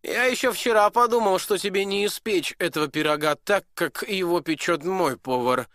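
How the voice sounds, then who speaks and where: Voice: mid-range voice, normal speed, a bit bright, dry recording, studio quality, voice pushed up, natural voice. A storyteller voicing a smug visiting prince who mocks and condescends to a cook in a storybook reading. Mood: condescending. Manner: mocking, condescending.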